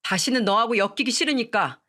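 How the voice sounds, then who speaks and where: A woman's voice: on the high side, brisk, pushed and bright. A woman voicing a bitter divorced man who scolds his ex-wife with contempt, in a read-aloud radio story. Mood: scornful, scolding. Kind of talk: storytelling radio drama reading.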